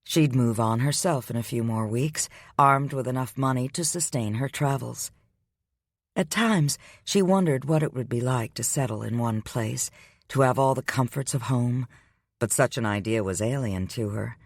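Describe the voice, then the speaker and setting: A man reading a romance audiobook aloud in a steady, even storytelling manner. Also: medium pitch, normal speed, no echo, clean studio sound. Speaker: audiobook narrator. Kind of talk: scripted romance narration.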